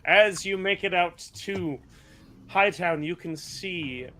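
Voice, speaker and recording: Slightly high-voiced man narrating as game master. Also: slow, bright, forceful tone, slight background noise. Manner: descriptive, with frequent fillers and self-corrections.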